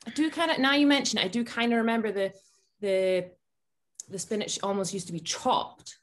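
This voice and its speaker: A woman's voice: medium pitch, expressive, a little fast. A woman co-hosting a casual chat, thinking aloud with hesitant fillers and restarts. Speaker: co-host from the bakery.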